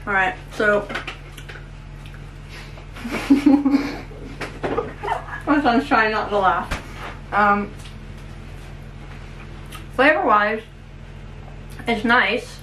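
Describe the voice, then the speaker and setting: Woman, middle-aged, home baking vlogger; bright tone, unhurried, self-deprecating, phone recording in a roomy kitchen with faint background hum. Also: mid-range voice. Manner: self-deprecating, halting with frequent ums. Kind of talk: casual kitchen vlog. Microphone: phone camera.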